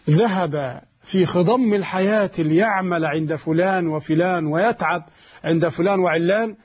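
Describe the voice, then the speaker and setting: A man delivers a sermon in a high, slightly husky voice. He presses his points with slow, emphatic repetition. The recording sounds dull and muffled. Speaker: preacher.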